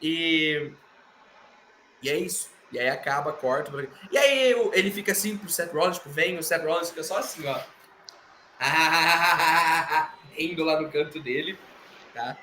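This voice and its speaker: A man with a Brazilian Portuguese accent co-hosting a podcast, retelling events in animated casual chat full of slang and fillers. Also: a little high, normal speed, a little hiss or hum. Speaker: podcast co-host. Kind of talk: casual wrestling recap chat.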